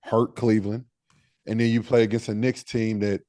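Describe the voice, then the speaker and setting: A man's voice: fairly low pitch, little pitch movement, normal speed, mellow, no room sound, studio quality. A man co-hosting a podcast, talking basketball in a laid-back way and thinking aloud with fillers. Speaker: podcast co-host. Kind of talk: casual sports talk.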